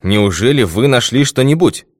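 A man's voice: lowish voice, animated, normal speed, dry recording, studio quality, pitched above the performer's own voice, close to an everyday voice. A man reading the lines of a puzzled, careful male army doctor in a storybook tale.

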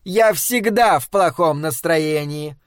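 A man reading a storybook aloud, voicing a huge, booming, grumpy shopkeeper's wife who scolds loudly. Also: moderate pace, dry recording, clean studio sound, natural voice. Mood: scolding.

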